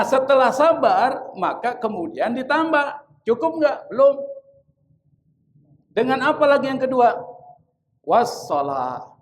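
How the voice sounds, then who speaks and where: A man with a high-pitched voice teaches Quran commentary as a sermon. He poses rhetorical questions and answers them himself, drops in Arabic recitations, and speaks to his listeners as sir in a casual, friendly way. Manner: mixes Arabic recitation into talk.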